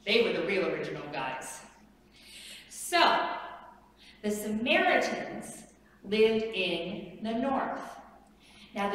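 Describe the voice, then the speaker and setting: A middle-aged woman pastor preaching in a large church sanctuary, her voice a little high and carried by a long hall reverb. She tells the story with lively energy and asks the congregation questions. The sound comes from a camera far back in the room, with faint noise underneath. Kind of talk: sermon.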